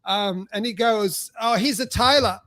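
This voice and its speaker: A man's voice: sits high, unhurried, fairly bright tone, no echo. A middle-aged man hosting a podcast, telling a story in a casual chatty way, full of fillers and acted-out dialogue. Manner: chatty, heavy on fillers, acts out quoted dialogue. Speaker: podcast host.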